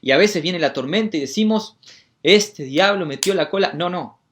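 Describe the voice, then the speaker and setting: A man's voice: sits high, moderate pace, slight background noise. A man preaching a sermon as pastor, firing rhetorical questions and talking straight to the congregation. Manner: swings between hushed asides and loud emphatic declarations; rhetorical questions, addresses listeners directly.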